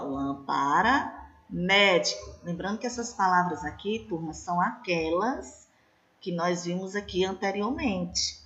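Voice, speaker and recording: A woman teacher giving an online slide lesson, slow and patient, often checking in with her class. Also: on the low side, a bit bright, highs cut off. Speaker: Spanish teacher.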